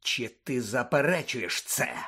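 A man reading an audiobook, voicing a vengeful male wizard who roars and rasps with contempt. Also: mid-range voice, expressive, a little slow, pushed and bright, exaggerated voice. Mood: furious. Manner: roaring, hoarse, contemptuous. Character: furious vengeful male wizard, roaring and hoarse.

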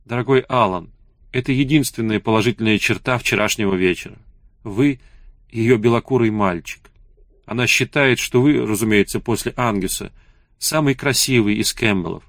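A man's voice: on the low side, moderate pace, fairly bright tone, no echo. A hungover young woman talks with weary irony and sighs through her reproaches, as read out by a man. The sound is close and dry, with no room around it. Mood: wry. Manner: sighing, weary, ironic.

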